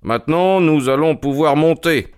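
A man voicing a calm, methodical detective who questions in a measured, inquisitive way. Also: fairly high pitch, smooth, no room sound, clean studio sound, pitched above the performer's own voice, close to an everyday voice. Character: sharp, calm male detective, keen and methodical. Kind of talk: audiobook character reading.

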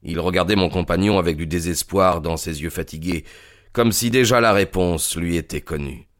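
A man narrating a story in a measured, descriptive way, like a dramatic audiobook reading. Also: sits low, dry recording, clean studio sound.

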